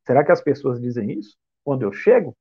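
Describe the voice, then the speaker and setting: This spiritist speaker, a man from São Paulo state with a Brazilian Portuguese accent, talks fast in a mid-range voice full of big pitch swings. The audio has its highs cut off. His lecture is reflective and peppered with rhetorical questions.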